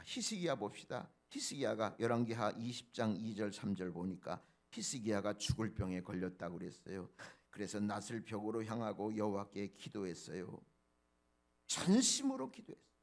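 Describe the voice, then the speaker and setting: A male pastor delivers a dawn prayer sermon, addressing the congregation directly in a preacherly manner. His delivery swings from soft, low asides up to loud, emphatic peaks.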